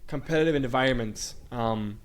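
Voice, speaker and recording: Bulgarian-born and Sweden-raised, this young man talks at normal speed in a medium-pitched voice. As a casual interview guest, he rambles and keeps restarting, leaning heavily on fillers.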